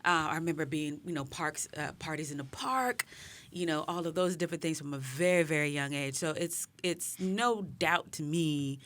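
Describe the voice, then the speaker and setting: A woman in her forties from Brooklyn, a musician guest telling stories in a relaxed, animated way. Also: low voice, normal speed, a little hiss or hum. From Brooklyn, New York, USA. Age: 40s. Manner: relaxed, animated reminiscing with frequent "you know". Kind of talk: casual interview storytelling.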